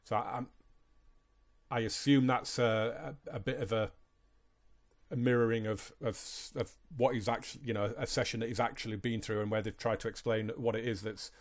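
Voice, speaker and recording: A man's voice: mid-range voice, fairly even intonation, normal speed, a little hiss or hum. A man hosting a reaction video, thinking aloud in casual commentary, often stumbling and repeating words.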